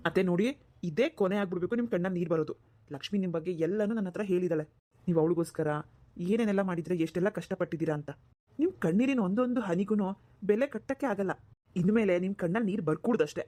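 A woman's voice: on the low side, fast, warm tone, lightly acted. A woman voicing a kind, respectful young son-in-law in a cartoon, talking earnestly and reassuringly.

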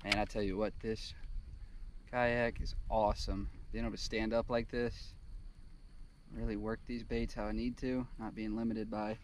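A young man filming himself while fishing from a kayak on a pond, chatting casually, talking to the fish and whooping with excitement when one bites. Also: lowish voice, normal speed. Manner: laid-back, folksy, talks to the fish. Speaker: angler filming his own fishing trip. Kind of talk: casual outdoor commentary. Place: outdoors on a pond, standing in a kayak. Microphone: action camera on the boat. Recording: distant camera mic with wind and water noise.

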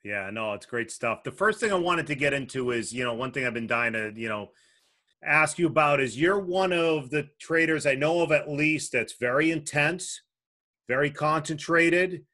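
A man's voice: fairly high pitch, animated, moderate pace, sharp tone. A man hosting a casual chat, talking in loose, rambling sentences with frequent restarts and some swearing. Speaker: host.

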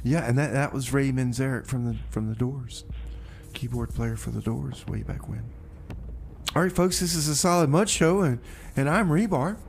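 This community radio DJ wanders through his stories in the studio, stumbling over words and saying things twice. He talks at a moderate pace in a gravelly, medium-pitched voice.

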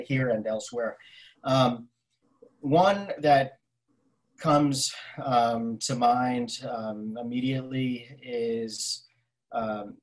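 A man's voice: medium pitch, rough recording. A man in his forties giving a conference keynote over a video call from his home office, thoughtful, with many fillers and restarts. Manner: gestures with his hands while talking. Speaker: keynote speaker. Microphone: laptop webcam on a video call.

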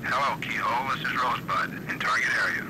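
A man's voice: mid-range voice, steady tone, fast. A man, a bomber pilot, giving terse, formal call signs in clipped procedure over a two-way radio. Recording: loud noisy archival film radio audio.

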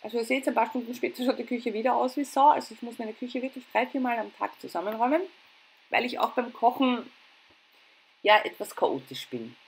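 Speaking fairly quickly in a higher voice with lively intonation, an Austrian-accented middle-aged woman describes her household chores for her home and cooking vlog. She keeps it chatty, casual and self-mocking over a rough recording full of clear background noise.

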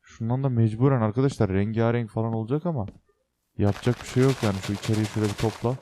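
A man's voice: on the low side, fairly even intonation, racing, background noise. A young man hosting a casual game let's play, chatting to viewers and to the creatures on screen with joking exclamations. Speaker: gaming channel host.

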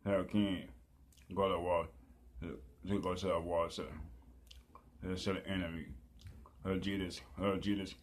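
Male preacher, deep and monotone, halting repetitive prayer style, lots of fillers. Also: slight background noise.

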